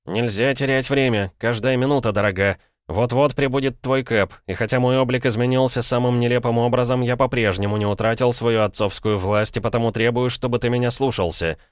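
A man's voice: medium pitch, fairly even intonation, a little fast, few pauses, no echo, clean studio sound, voice pushed up, natural voice. A man voicing a pompous, agitated father stuck in a boy's body, in an audiobook. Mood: commanding. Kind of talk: audiobook character reading.

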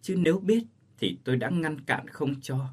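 A man's voice: fairly high pitch, lively intonation, normal speed, husky. A man voicing a grief-stricken older village schoolteacher and father in a read ghost story, speaking in a choked, sorrowful way. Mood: grieving.

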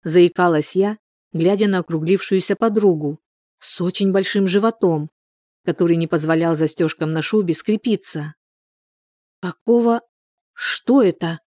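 Low, mellow woman narrating. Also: moderate pace, dry recording, studio quality. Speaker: audiobook narrator. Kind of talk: first-person novel narration.

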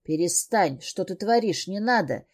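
A woman's voice: medium pitch, expressive, moderate pace, a little mellow, husky. A woman voicing a domineering, angry man in an audiobook, barking orders and cursing. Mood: harsh commanding.

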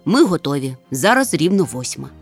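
A woman voicing a calm, serious troll father who speaks in a measured way. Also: deep voice, slightly rough, faint music behind, voice pushed down, full character voice.

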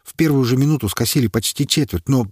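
A man's voice: mid-range voice, quick pace, a little mellow, slightly rough, no echo, studio quality, pitched above the performer's own voice, natural voice. A man voicing a tired, wounded young lieutenant giving a dutiful report.

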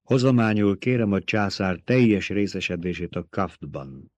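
Brief: man reading a young desert ruler, low-voiced, measured, commanding, dry close read. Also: dry recording. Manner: measured, calmly dictating terms. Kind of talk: audiobook reading.

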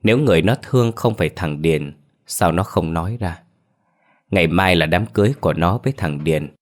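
A man narrating a scripted ghost story in a calm, measured storytelling manner. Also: sits low.

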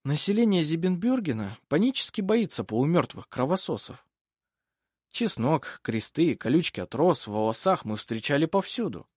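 A man's voice: a little high, big pitch swings, normal speed, darkish tone, breathy edge, dry recording, clean studio sound, pitched above the performer's own voice. A man voicing an uneasy young male traveler, hesitant and worried, in an audiobook.

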